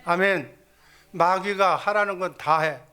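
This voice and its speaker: Male pastor, slightly high and bright, forceful preaching that leads call-and-response. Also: slow, clean tone. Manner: exhorting, blessing the congregation in the Lord's name; rhetorical questions answered himself. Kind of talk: sermon.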